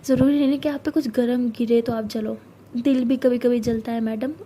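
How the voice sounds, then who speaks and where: A woman storyteller does a wise young friend in a storybook tale. She speaks calmly, with a light teasing edge. Her voice is high but mellow. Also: moderate pace, natural voice.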